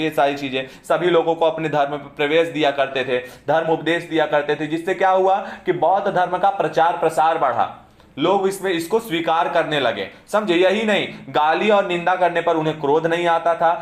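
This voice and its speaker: A man's voice: fairly high pitch, roomy sound. A man teaching a class in speech, explaining points and often checking whether the students understand. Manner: keeps asking students "समझे?" to check understanding. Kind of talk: classroom lecture.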